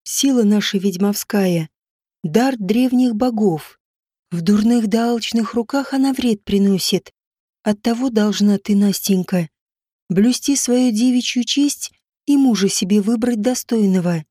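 A dying witch mother, stern and tender, speaks low and slow with a muffled, breathy voice, as a woman narrator puts her on. Her tone is mellow and dark, recorded dry and close for a storybook audiobook. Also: dry recording. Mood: tender, fading.

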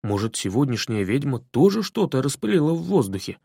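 A man's voice: mid-range voice, very animated, brisk, creaky, dark tone, husky, no room sound, clean studio sound, heavily acted. A man voicing a timid, reluctant schoolboy who grumbles hesitantly. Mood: excited.

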